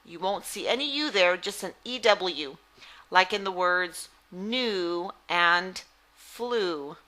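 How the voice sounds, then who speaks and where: A woman giving a phonics lesson as a reading teacher, deliberately enunciating words in an instructional way. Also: lowish voice, animated, sharp tone, low-quality recording. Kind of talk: phonics lesson, word-by-word articulation drill.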